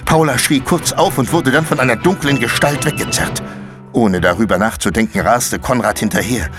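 A man narrating a fantasy audiobook chapter in a measured, dramatic storytelling manner. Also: medium pitch. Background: faint music.

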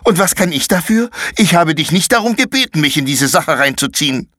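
A man's voice: a little high, expressive, brisk, pushed and bright, no echo, studio quality, voice pushed up. A man voicing a scared, upset young boy in a fantasy audiobook, pleading and defensive.

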